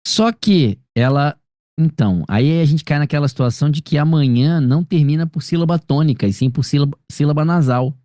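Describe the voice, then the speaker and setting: Brazilian male teacher, dark mellow voice. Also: fairly high pitch, fairly quick, no room sound, studio quality. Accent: Brazilian Portuguese. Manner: explanatory, checks understanding with frequent tag questions. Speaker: grammar teacher. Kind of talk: one-on-one tutoring session.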